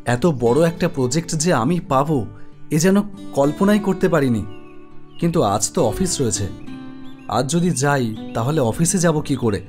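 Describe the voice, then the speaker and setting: In a fairly high, slightly mellow voice with lively intonation, a man unhurriedly narrates a scripted first-person horror tale as an office web developer recalling his own ghost story. He builds drama and suspense in a reflective mood while music plays underneath.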